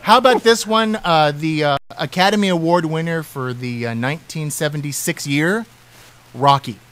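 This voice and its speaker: A man's voice: on the high side, normal speed, a bit bright. A man hosting a casual radio talk show, chatting and reading out movie trivia.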